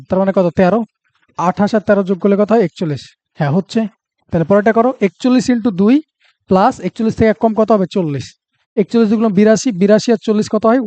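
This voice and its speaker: A man's voice: sits high, dark tone, no room sound, highs cut off. A man with a Bengali accent teaching a reasoning lesson for exam prep, talking through each step aloud and checking that students follow.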